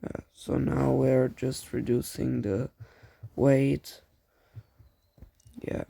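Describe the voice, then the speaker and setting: A man with a German accent, a native German speaker, giving casual commentary on a racing game, halting often with fillers and restarts. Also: mid-range voice, flat delivery, creaky, mellow, husky. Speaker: gaming YouTuber.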